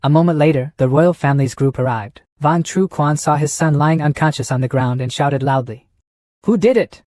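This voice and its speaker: A man reading a story recap in steady, plain scripted narration. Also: on the high side, fairly quick.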